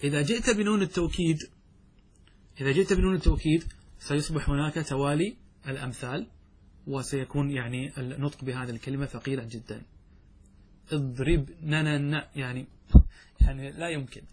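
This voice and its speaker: A man with a fairly high, husky voice teaches grammar in a classroom style. He poses questions to his listeners and slows down to recite lines of verse. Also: steady tone, darkish tone. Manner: asks students questions, recites verse slowly. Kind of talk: classroom lesson explaining grammar.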